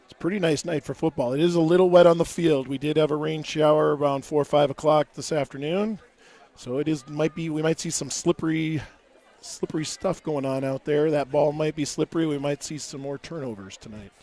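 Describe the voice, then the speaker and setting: A man with a scratchy, recovering voice announcing a local high school football game in a chatty, folksy way, sometimes stumbling over words. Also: steady tone, a little fast, dark tone. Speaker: play-by-play announcer.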